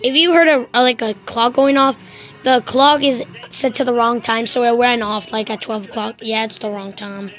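Giddy high-voiced woman counting down. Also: fairly even intonation, moderate pace, a bit bright, faint music behind. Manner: giddy, counts down aloud, laughs and squeals often. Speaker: channel host. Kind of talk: casual excited chat while watching a New Year countdown.

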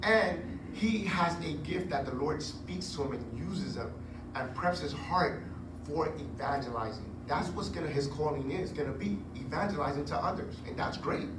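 A man in his forties preaching a sermon on a church stage into a handheld mic, chatty and animated with joking asides. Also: on the high side, normal speed, far from the mic. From Puerto Rico heritage. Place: church stage with curtain backdrop. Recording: echoey room, recorded from afar, noisy.

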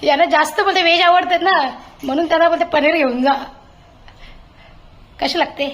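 A woman's voice: very high voice, fairly even intonation, fairly quick, fairly bright tone, highs cut off. A woman hosting a casual home vlog, chatting to her viewers as a group and talking with her family as she goes. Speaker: vlog host.

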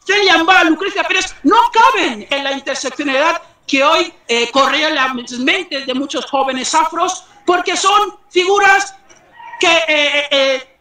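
A man's voice: very high-pitched, sharp tone. A middle-aged man speaking outdoors over a video call as a panel guest, arguing with passion and tripping over words. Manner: impassioned, stumbling over words. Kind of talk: impassioned argument in an online panel. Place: outdoors among trees. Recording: echoey, distant from the mic.

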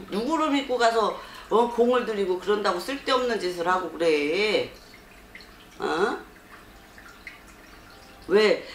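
A woman's voice: mid-range voice, roomy sound, a little hiss or hum. A woman shaman fortune teller bluntly counseling a client, scolding her and pressing with rhetorical questions.

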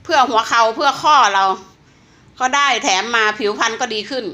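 A woman's voice: high-pitched, fairly quick, bright, forceful tone. A woman in her sixties chatting persuasively to viewers while selling a health product. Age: 60s. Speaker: online seller. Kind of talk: casual live-selling chat.

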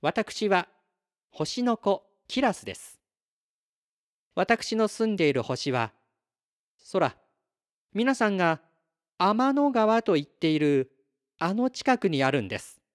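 A polite, clever boy from the stars speaks in a raised, courteous voice, slow and careful with every word. A man voices him in a storybook read-aloud. His tone rises and falls in a lively way. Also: sits high, voice pushed up, heavily acted. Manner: formal, courteous, calm.

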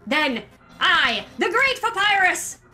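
A woman voicing Papyrus, a loud, vain and overeager male skeleton, pompous and shouty in a fan game voice-over. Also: very high-pitched, very animated, takes it slowly, soft background music, voice pushed up, exaggerated voice.

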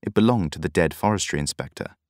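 A man narrating an audiobook in a measured, even storytelling manner. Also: low-pitched, no echo, studio quality. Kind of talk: scripted narration.

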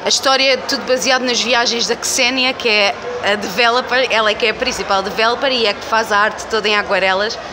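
A game publisher's community manager in her twenties, with a European Portuguese accent, answers a casual interview enthusiastically and effusively, repeating points for emphasis. Her slightly high voice is steady in tone, fairly quick, and hardly pauses. She stands by a booth wall at an indoor festival venue amid loud, busy event-floor noise.

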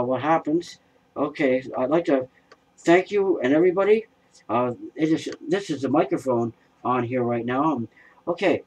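A man's voice: a little high, darkish tone, breathy edge, poor audio. A man hosting a home tech show, talking step by step in a hesitant, casual way, with many fillers and restarts, recorded by a camera across a dim room at home.

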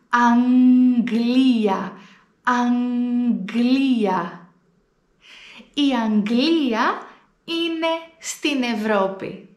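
Greek teacher, slow careful pronunciation. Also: female voice, a little high, echoey room. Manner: slow, deliberate word repetitions for learners. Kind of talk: pronunciation lesson to camera.

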